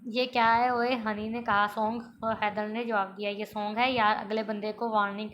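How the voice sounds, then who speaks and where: With highs cut off and slight background noise in the audio, a woman reads a romance novel in a mid-range voice at normal speed. Her tone is level, and she handles all the characters herself in a mostly plain voice, occasionally stumbling and starting over.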